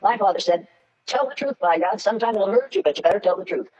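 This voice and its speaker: A woman's voice: mid-range voice, quick pace, darkish tone, muffled recording. An older American woman delivers a lecture to an audience in a blunt, emphatic way. She gives orders like a seasoned educator and expects to be followed. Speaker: educator and public speaker.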